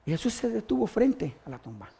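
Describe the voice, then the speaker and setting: A man's voice: sits high, big pitch swings, a little fast, creaky, mellow, breathy edge. A man preaching a sermon as pastor, fervent and stopping often to give praise.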